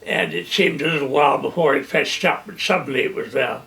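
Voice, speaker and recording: Older man, slightly high gravelly voice, slow halting recollection, distant mic. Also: sharp tone. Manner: halting, with many pauses and fillers. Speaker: retired general interviewee. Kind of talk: wartime reminiscence.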